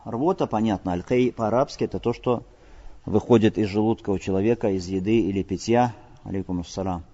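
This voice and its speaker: A man's voice: on the low side, fairly quick, mellow. A man giving a religious lesson, explaining rulings and posing rhetorical questions to his listeners. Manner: explanatory, asks rhetorical questions, often checks with "all right?". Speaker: Islamic teacher. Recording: lo-fi recording with long hall reverb.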